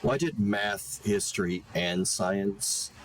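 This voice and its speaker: A young man streaming a game, chatting casually and rambling with lots of fillers and quick laughs. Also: on the low side, rough recording. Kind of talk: casual live-stream chat while playing.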